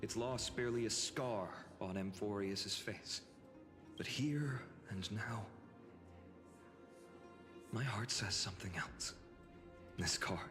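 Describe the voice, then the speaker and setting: An actor playing an earnest, tormented young warrior hero in a game, solemn, breathy and intense. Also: male voice, on the low side, slow, pauses often. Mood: anguished. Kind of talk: dramatic game voice acting. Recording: long reverb, music over voice.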